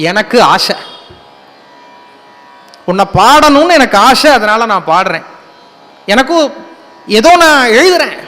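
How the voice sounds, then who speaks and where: Man, high voice, devotional discourse, storytelling, sings lines now and then, long hall echo. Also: pushed and bright. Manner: acts out dialogue, breaks into sung lines. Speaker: religious discourse speaker.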